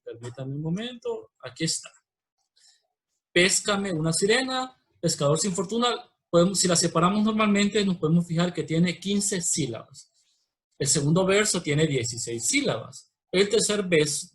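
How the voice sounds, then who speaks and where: A man from Honduras with a Honduran Spanish accent, teaching a recorded virtual class, patient and explanatory, slowing down to spell out examples. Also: a little high.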